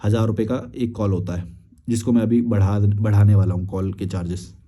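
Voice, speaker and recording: A man's voice: on the low side, steady tone, brisk, mellow. Blunt, crude young man ranting. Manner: blunt, crude and combative, swears often. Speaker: YouTube creator. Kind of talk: ranting reply to viewer comments.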